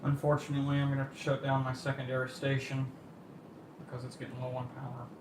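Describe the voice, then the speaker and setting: An amateur weather spotter livestreams from home during a storm, narrating casually, rambling and thinking aloud as he goes. His voice is medium-pitched, monotone, and quick. Recorded on a phone, the amateur livestream is noisy with ambient sound.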